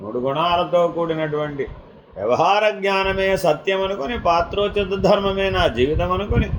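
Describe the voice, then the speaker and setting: Animated Telugu-speaking spiritual teacher. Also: male voice, high voice, slight background noise, low-quality recording. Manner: animated storytelling, acting out people in his anecdotes; chants Sanskrit verses slowly. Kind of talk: sermon.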